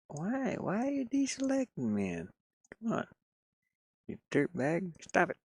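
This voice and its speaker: A game developer streams his pixel art work, muttering playfully and talking himself through it in a casual think-aloud commentary. His husky voice sits high and swings widely in pitch, at a slow pace, with no room sound.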